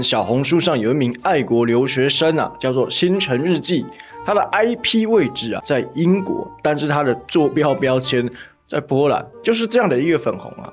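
A man hosts a political commentary vlog, reading a post aloud and mocking it with sarcastic scolding. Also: mid-range voice. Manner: reads a social media post aloud with commentary. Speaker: YouTube commentator host.

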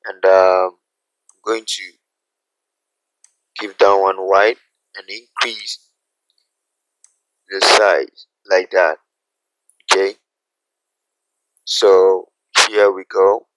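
A man teaching a graphic design software tutorial, talking through each step slowly and checking in with "okay?" as he goes. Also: deep voice, level tone, noisy background. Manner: unhurried, repeats steps, asks "okay?" often. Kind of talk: screen-recorded software tutorial.

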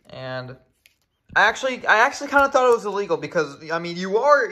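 A video creator demonstrating radios gives a casual hands-on tutorial, filmed indoors at home on a handheld camera. His voice runs on the high side with a fairly bright tone.

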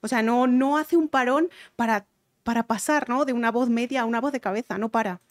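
A woman's voice: fairly high pitch, a little fast. A woman with a Spain Spanish accent, a vocal coach reacting to a music video and explaining singing technique, repeating her key points.

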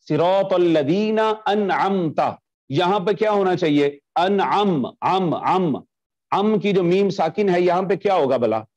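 A male teacher giving a recorded online lecture on Quran recitation and Arabic, patiently repeating examples and slowly chanting phrases. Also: fairly high pitch, darkish tone. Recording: dull lo-fi recording.

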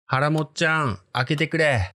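A man's voice: fairly high pitch, a little slow, sharp tone, no room sound, studio quality, pitched above the performer's own voice. A man voicing an eerie unknown male visitor in a ghost story, calling creepily at a door. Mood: eerie coaxing.

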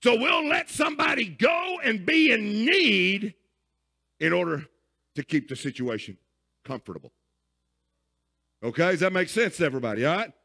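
A man's voice: high voice, sing-song, normal speed, long pauses, sharp tone. A man preaching a sermon as pastor, emphatic and folksy, often checking in with his listeners.

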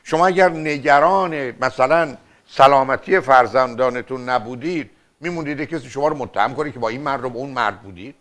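A man's voice: mid-range voice, a bit bright. Lecturing older man radio therapist. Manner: lecturing, insistent, repeats "dear" and rhetorical questions. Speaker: radio and TV family therapist host. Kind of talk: call-in advice show.

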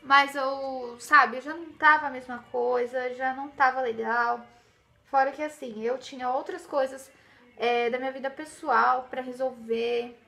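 A woman's voice: high voice, fairly even intonation, measured pace, creaky, bright, forceful tone. A young woman from Brazil in her twenties chatting to the camera from her living room, heartfelt and full of fillers. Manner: chatty, heartfelt, many fillers like "sabe" and "gente". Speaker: beauty vlogger. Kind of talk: casual chat to camera. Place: living room, sitting by a sofa.

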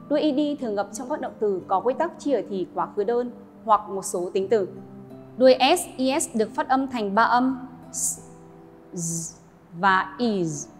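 A woman teacher, slowly modelling English sounds and explaining pronunciation rules to students. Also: a little high. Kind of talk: classroom lesson narration. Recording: long reverb with faint music.

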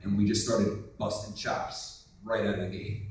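A slightly low-voiced man telling a rambling, joking story at a convention panel. He is heard from far off in an echoey hotel meeting room, with a faint hum of the room behind him. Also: little pitch movement, moderate pace, darkish tone.

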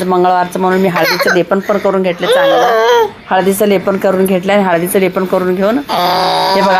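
Woman home vlogger, low-ish voice, chatty and repetitive, faint background hiss. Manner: homely, chatty, repetitive, addresses viewers directly. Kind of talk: casual home vlog narration. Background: child crying at times.

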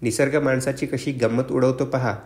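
Man reading excitable young man, effusive, eager, mid-pitched, flat-ish delivery, storybook reading, roomy echo. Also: normal speed, lightly acted. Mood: excited. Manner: eager, exclaiming, confiding.

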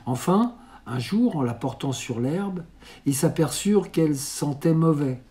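Mellow male storybook reader. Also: fairly high pitch, lively intonation, a little slow. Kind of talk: reading a children's classic aloud.

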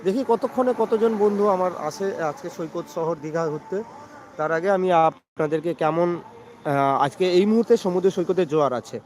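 Man, high-pitched voice, West Bengal Bengali accent, casual live-stream chat, repetitive phrasing, noisy outdoor recording. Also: normal speed, darkish tone. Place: outdoors on a seaside beach at evening. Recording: noisy outdoor beach with traffic sounds.

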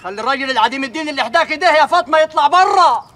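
An actor playing a stern, pious village sheikh, who speaks in an accusing tone. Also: male voice, extremely high pitch, expressive, racing, exaggerated voice. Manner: stern, accusing, shouting from outside. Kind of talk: film acting.

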